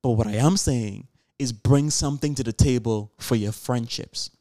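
A man's voice: medium pitch, normal speed, mellow, dry recording, studio quality. A seventeen-year-old man hosting a solo podcast, talking earnestly and preachily to his listeners with rhetorical questions, often restarting and repeating words. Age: teens. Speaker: podcast host.

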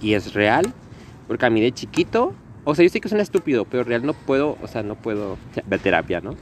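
A man with a Mexican accent co-hosting a podcast in casual chat, dramatic and quick to laugh. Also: mid-range voice, slight background noise. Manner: animated, dramatic, acts out quoted voices, laughs often. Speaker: podcast co-host.

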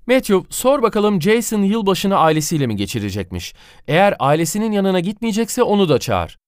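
A man voicing a chatty, cheerful middle-aged mother in an animated storybook, speaking a little brighter and higher. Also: brisk, clear, resonant tone, dry recording, clean studio sound, soft background music.

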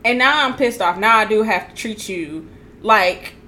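A woman's voice: medium pitch, expressive, normal speed, bright, forceful tone, a little hiss or hum. A woman co-hosting a casual podcast chat, talking bluntly and ranting with laughter. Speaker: podcast co-host.

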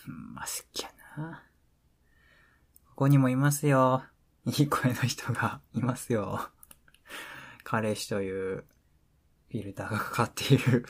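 A man with a Kansai accent playing a teasing, affectionate boyfriend at bedtime, in intimate ASMR role-play pillow talk with a soft, breathy voice. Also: fairly low pitch. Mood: playful coaxing. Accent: Kansai Japanese. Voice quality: breathy, soft, often dropping into speaks softly. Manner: playful, coaxing, mock-hurt.

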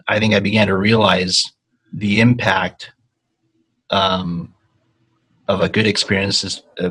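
A man's voice: on the low side, pushed and bright, husky, low-quality recording. A man from Argentina, a guest in an interview, talking casually with many ums and restarts. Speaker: guest, consulting company founder.

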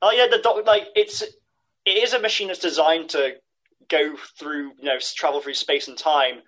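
A man's voice: a little high, steady tone, moderate pace, fairly bright tone, poor audio. A man co-hosting a podcast, talking thoughtfully with plenty of "like" and "um". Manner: thoughtful, lots of "like" and "um". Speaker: podcast co-host. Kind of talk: casual chat.

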